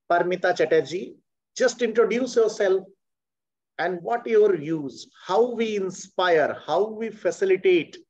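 A man's voice: high-pitched, a little mellow. A man moderating an online panel in a formal way, with "uh" fillers. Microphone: video call. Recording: dull lo-fi call audio.

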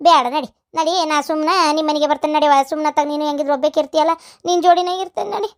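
Woman voicing a shrill grumbling old village woman. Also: steady tone, racing. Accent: North Karnataka Kannada. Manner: scolding, complaining.

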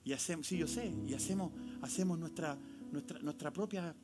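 A Chilean man preaching to his congregation, his voice pitched a little high for a man. He swings between loud rhetorical questions and hushed, intimate pleas. The live church recording carries loud guitar music underneath. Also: brisk. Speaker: pastor. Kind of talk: sermon with altar call. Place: church sanctuary.

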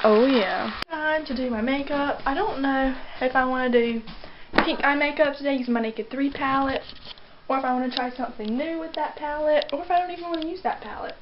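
A woman's voice: sits high, a little fast, highs cut off, background noise. A young woman chatting casually to her camera at home in a daily vlog, sometimes cooing at her dog. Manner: chatty, talks baby-talk to her dog. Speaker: vlogger. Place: at home, indoors.

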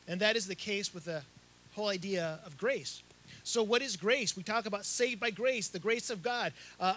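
High-voiced, bright-toned pastor preaching outdoors. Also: male voice, slight background noise. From Chile. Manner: animated, gesturing preacher who repeats and restarts words. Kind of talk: sermon. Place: outdoors under a canopy tent. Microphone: handheld microphone.

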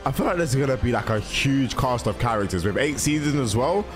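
Medium-pitched, expressive and brisk, this young man reacts casually and in slang to cartoon intros whose music sounds in the background. He sits at a desk in a small indoor room, wearing headphones and musing aloud into a close microphone on an arm.

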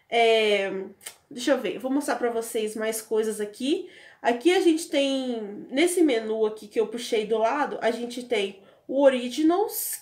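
A woman's voice: fairly high pitch, a little mellow. Chatty young woman in echoey room. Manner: chatty, laughs often, many fillers. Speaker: book vlogger. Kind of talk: casual app walkthrough. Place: home room with bookshelves.

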